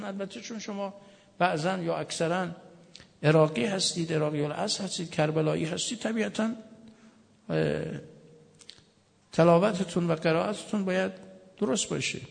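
A man's voice: high voice, creaky, darkish tone, big-room sound. A male cleric preaching a sermon, telling stories with joking asides. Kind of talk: sermon with anecdotes.

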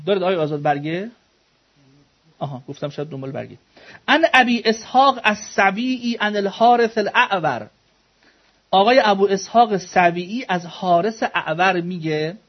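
A man's voice: sits high, muffled recording. A man teaching a religious studies class, explaining texts word by word, questioning students and joking with them.

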